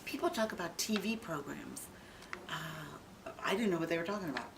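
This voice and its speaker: A woman's voice: deep voice, animated, normal speed. An older woman, a military veteran, remembering her service informally in an interview. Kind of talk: casual reminiscing in an interview. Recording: distant microphone, clearly noisy room.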